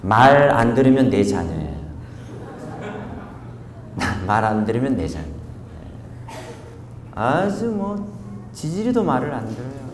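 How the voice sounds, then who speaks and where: A male pastor preaching a revival sermon, animated and constantly asking the congregation questions. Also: mid-range voice, slow pace, long pauses, slight background noise. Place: church revival tent meeting. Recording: echoey hall with faint ambience.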